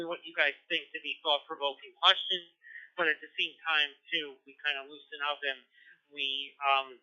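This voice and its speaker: A man with a bright, forceful voice chats loosely on a ham radio net, friendly and meandering. The sound is somewhat dull and lo-fi, like relayed radio audio. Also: a little high, clean tone. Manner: rambling and friendly, many fillers and restarts. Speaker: net control operator. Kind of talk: casual radio net chat.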